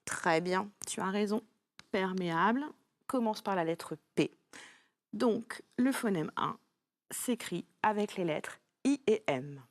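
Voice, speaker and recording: A woman's voice: mid-range voice, slow, dry recording. A woman teaching a lesson to young children, speaking patiently and encouraging the child directly. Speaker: primary school teacher.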